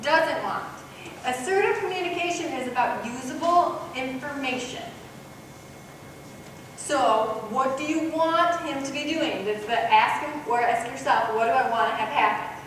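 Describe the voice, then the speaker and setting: A woman giving a parenting workshop to a live group, animated, acting out parent and child voices. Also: high-pitched, a little slow, distant mic, a little hiss or hum. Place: workshop room. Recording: echoey room recorded from afar.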